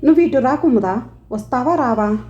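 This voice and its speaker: A woman's voice: a little high, moderate pace, warm tone, faint music behind, lightly acted. A woman voicing a scolding, exasperated mother. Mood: angry scolding. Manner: scolding, raised voice. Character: exasperated middle-aged mother, quick-tempered. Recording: dull roomy home recording.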